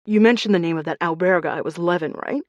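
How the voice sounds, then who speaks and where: Eager young guy sharing clues, excited and confiding, read by a woman, dry close sound. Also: fairly low pitch, fast talker, no echo, highs cut off, lightly acted. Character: eager young man, a friend digging up records.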